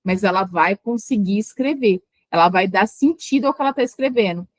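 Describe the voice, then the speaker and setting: A woman's voice: mid-range voice, a little fast, no room sound. A woman teaching an exam-prep lesson on children's writing, explaining patiently and sounding out words syllable by syllable. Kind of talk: online exam-prep lecture.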